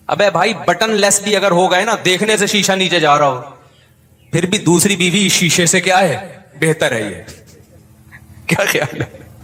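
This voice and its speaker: A man's voice: sits high, a bit bright, long reverb tail. A man giving a humorous religious lecture, telling stories in a joking way and laughing between points. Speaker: Islamic scholar giving a talk.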